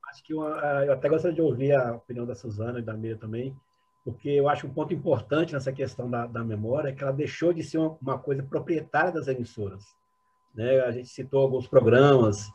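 A Brazilian panelist offers unscripted academic commentary over muffled online-call audio, pausing and repeating words while hunting for the right phrasing. His voice is mid-range and warm, with a breathy edge.

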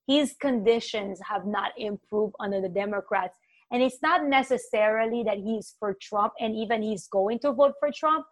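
Woman from haiti talking it through in an interview, kinda high voice, lots of "you know" and "like," sincere. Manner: earnest, searching, full of "you know" and "like" restarts. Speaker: guest, community organizer. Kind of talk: reflective conversational interview.

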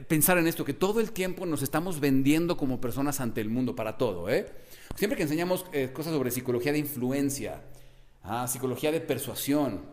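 A young man coaching social skills in a lively, expressive teaching monologue that varies his tone and volume. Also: on the high side. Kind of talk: motivational teaching monologue to camera.

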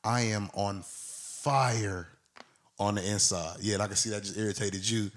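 A man in his twenties, a podcast co-host, telling a long story in a casual, animated way and acting out the people in it. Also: lowish voice, a little slow.

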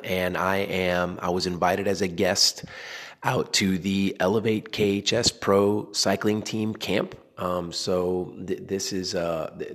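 A man hosting a casual solo podcast from a garage, talking in a conversational, explanatory way and sounding tired and a little rough. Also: sits low. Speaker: podcast host. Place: in a parking-style garage. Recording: echoey reverberant garage.

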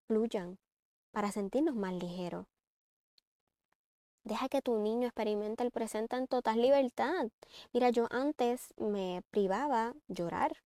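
A woman's voice: on the high side, dry recording, studio quality. A woman giving earnest parenting advice in a reflective talk. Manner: earnest, advising, shifts between calm and emphatic. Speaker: parenting speaker.

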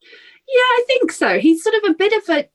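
A woman co-hosting a podcast, giving a wry, animated retelling in casual chat. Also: very high voice, moderate pace. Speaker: podcast co-host.

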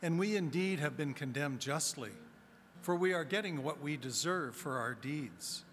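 Male deacon, measured sermon delivery, slightly high voice, cathedral echo with faint room noise. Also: animated, fairly bright tone. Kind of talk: gospel reading and homily. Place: large church. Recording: long church reverb, faint room noise.

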